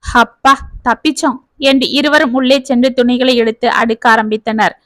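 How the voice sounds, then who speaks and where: A woman storyteller reading a family drama aloud in a steady narrating manner. Her voice is high, and the recording is dry and close, with no room echo. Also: a little fast.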